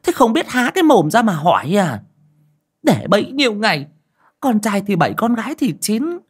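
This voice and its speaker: A man voicing a fierce, bossy older village aunt who scolds loudly. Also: high-pitched, wildly swooping pitch, moderate pace, breathy edge, pitched above the performer's own voice, full character voice. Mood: furious scolding. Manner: shouting, scolding.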